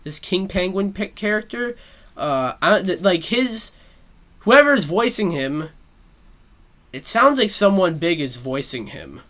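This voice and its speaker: Man, casual commentary host, rambling, swearing, lively swooping intonation, bright tone. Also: sits high, measured pace. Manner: rambling, swears often, lots of fillers. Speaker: solo talk show host. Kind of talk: casual pop-culture commentary.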